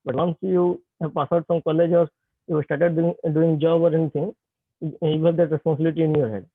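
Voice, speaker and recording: A man's voice: on the high side, flat delivery, brisk, husky, no echo. A young man in his twenties with an Indian accent speaks to students over a bad video-call connection, hesitant and full of fillers. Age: 20s. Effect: bad connection on a video call, voice breaking. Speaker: guest speaker, startup founder. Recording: tinny lo-fi call line, dry.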